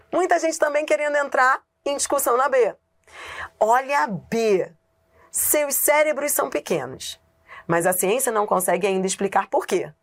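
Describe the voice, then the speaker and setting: Brazilian Portuguese woman, grammar teacher, lively, rhetorical, mid pitch. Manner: lively, rhetorical questions, laughs often. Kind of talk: exam-prep lesson.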